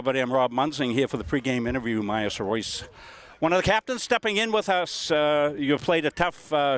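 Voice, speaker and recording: A man's voice: fairly high pitch, a bit bright. A male sports broadcaster doing a pregame sideline interview, with an announcer's delivery and frequent "uh"s.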